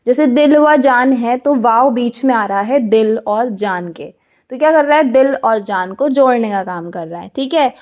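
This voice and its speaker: A young woman lectures students in a high, bright-pitched voice. She explains each point patiently and keeps checking that everyone is following. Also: moderate pace. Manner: patient, repeats "theek hai" to check understanding. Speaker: teacher.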